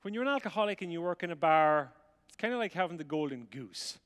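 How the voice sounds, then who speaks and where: His voice is a little high, clear and resonant, slightly bright, and he talks fast and expressively. He's a middle-aged Irishman from the rural midlands entertaining a live audience with his life story through chatty self-mockery and acted-out exchanges, recorded in an echoing hall.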